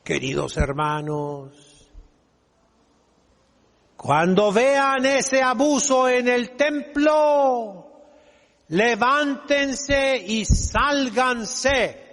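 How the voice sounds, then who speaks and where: This older Mexican preacher has a very high, animated, slightly bright voice and an extremely slow delivery. Emphatic and scolding, he uses dramatic pauses in a fiery homily exhorting the congregation, his words trailing off into the long reverb of an echoing church hall.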